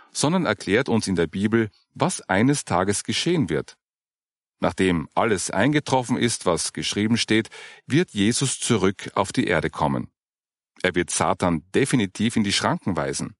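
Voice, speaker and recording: Patient, earnest woman explaining gently, read by a low-voiced male audiobook narrator. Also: expressive, normal speed, no echo, studio quality, close to an everyday voice. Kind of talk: audiobook character reading.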